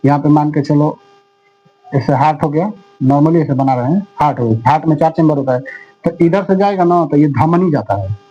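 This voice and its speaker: A man's voice: on the high side, moderate pace, mellow, slightly rough. A man teaching a class in a casual, repetitive way, asking questions and answering them himself. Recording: dull lo-fi sound with faint music.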